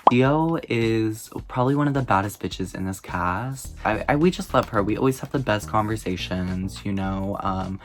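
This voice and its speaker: A man's voice: fairly low pitch, normal speed, few pauses, faint music behind. A man talking to camera as a drag competition contestant, rambling casually with many fillers. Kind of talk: confessional to camera.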